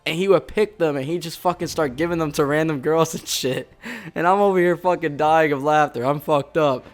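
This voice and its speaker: Young man, Bronx-raised ex-Marine, slightly high voice, rambling swear-heavy storyteller. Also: fairly quick. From the Bronx, New York. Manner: rambling, heavy swearing, frequent self-corrections. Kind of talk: casual profane storytelling over gameplay.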